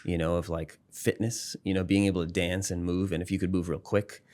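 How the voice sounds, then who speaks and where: A man, a psychology professor and musician, explaining ideas in a relaxed interview, thoughtful, with frequent fillers and restarts. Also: low-pitched, fairly quick. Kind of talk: casual explanatory interview talk.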